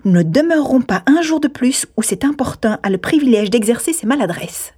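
A woman's voice: on the high side, animated, moderate pace, dark tone, slightly rough, voice pushed up. A woman reading aloud, voicing a proud and determined young lady who speaks curtly and in command. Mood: imperious. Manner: curt and commanding.

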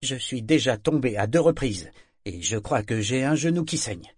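A man's voice: mid-range voice, expressive, normal speed, slightly rough, no room sound, studio quality, pitched above the performer's own voice. A man voicing a skeptical wealthy man with a plaintive, grumbling voice. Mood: complaining.

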